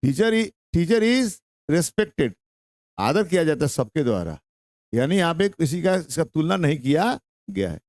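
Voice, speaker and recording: A man's voice: a little high, very animated, a little slow, a little mellow, no room sound. A young man with a Bihari Hindi accent teaching an English grammar lesson to a class, drawing out his words and repeating questions and answers.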